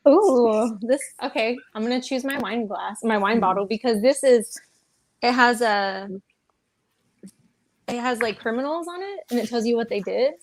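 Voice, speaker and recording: A woman's voice: fairly high pitch, normal speed. A woman chatting casually as a guest in an online group game, laughing often between lines. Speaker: guest in a live stream game. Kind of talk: casual chat. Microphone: remote call.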